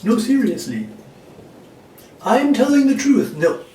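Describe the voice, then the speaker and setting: A man's voice: extremely high pitch, big pitch swings, takes it slowly, mellow, heavily acted. A man voicing a mischievous know-it-all sock puppet in an amateur comic skit, coaxing and mock-instructive. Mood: teasing. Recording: echoey room, distant mic, faint noise.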